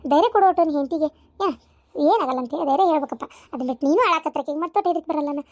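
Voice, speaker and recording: A shrill, nagging older village aunt in a cartoon, voiced by a woman. She has a North Karnataka accent and a very high, piercing voice, and she rattles on at a fast clip. The recording is dry and close. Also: dry recording, close to an everyday voice. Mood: soothing. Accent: North Karnataka Kannada. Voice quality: shrill, scolding. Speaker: aunt at a childbirth. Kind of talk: cartoon voice acting.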